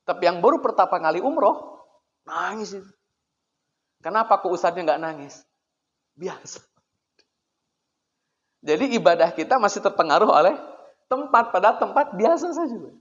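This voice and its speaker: A man's voice: high voice, expressive, normal speed, long pauses. A man giving a conversational religious lecture in a prayer room, asking rhetorical questions and often addressing his listeners directly. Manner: chatty, poses rhetorical questions, keeps addressing listeners as sir. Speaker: Islamic preacher. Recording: echoey hall, dull lo-fi sound.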